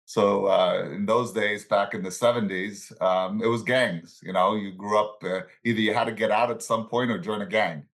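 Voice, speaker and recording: A man in his sixties, born in Italy and raised in the Bronx, relaxed as he tells stories from his life as an interview guest. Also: lowish voice, normal speed, few pauses. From born in Italy, raised in the Bronx, New York. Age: 60s. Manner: relaxed storyteller, chuckles between anecdotes. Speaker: guest, financial services professional and coach. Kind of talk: casual interview storytelling.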